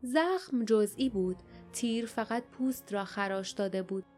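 A woman narrating an audiobook in a measured, expressive way, giving each character a voice. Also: medium pitch, faint music behind.

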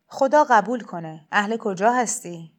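A woman voicing a gentle, persuasive male shrine cleric in a storybook reading, speaking in a heavy, soft, kindly insistent way. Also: mid-range voice, animated, natural voice. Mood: coaxing.

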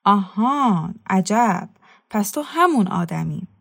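A woman's voice: mid-range voice, expressive, creaky, no echo, studio quality. A woman reading a cheeky, mocking young man in a storybook, voicing him in a teasing, blunt way.

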